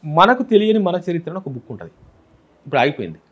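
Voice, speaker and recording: A man's voice: a little high, big pitch swings, fast, breathy edge, dull audio. A man with a Telangana Telugu accent, a film director, explaining his film in an interview with examples from village speech. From Telangana, India.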